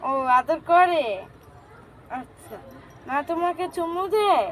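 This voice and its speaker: Woman cooing baby talk at a pet cat in a slow, gentle sing-song of questions, at home. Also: very high voice, a little hiss or hum, low-quality recording. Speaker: cat owner. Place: home with cats.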